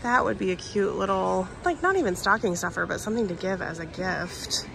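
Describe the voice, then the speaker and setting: A woman vlogger with a congested voice, gushing excitedly as she shops through busy stores on camera. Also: mid-range voice, a little fast, creaky. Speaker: shopping vlogger host. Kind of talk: casual shopping vlog. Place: busy stores on a shopping day. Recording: crowd and store noise behind.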